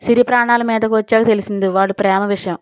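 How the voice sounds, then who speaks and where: A woman's voice: medium pitch, fairly even intonation, quick pace, clear, resonant tone, dry recording, natural voice. A woman voicing a loyal young male friend who speaks in an earnest, pleading way. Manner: earnest and requesting. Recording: dry, slightly dull recording.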